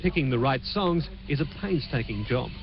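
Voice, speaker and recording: A man reporting an entertainment news story on TV, heard through a low quality stream of the broadcast. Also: lively intonation, highs cut off, a little hiss or hum. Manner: measured, clear scripted delivery. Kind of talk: TV news report narration with chat to the anchor.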